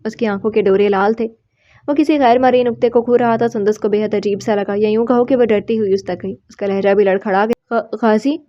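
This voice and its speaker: A woman narrating a romance novel in a calm, even storytelling voice. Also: medium pitch. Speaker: audiobook narrator. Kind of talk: reading a romance novel aloud. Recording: slightly muffled recording.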